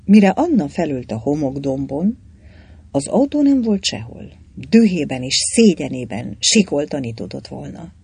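An audiobook reader narrating an adventure novel with lively, expressive delivery. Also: mid-range voice, creaky, slightly rough, no room sound. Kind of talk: storybook reading.

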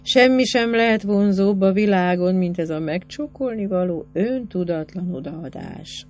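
A woman narrating a novel in an expressive literary reading, with lively rises in pitch. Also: lo-fi sound, soft background music. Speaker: audiobook narrator.

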